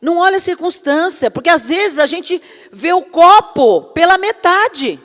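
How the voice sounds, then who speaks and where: High-voiced woman preaching in a hall. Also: lively intonation, unhurried, a bit bright. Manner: fervent, addresses listeners as brothers and beloved. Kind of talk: sermon with personal testimony.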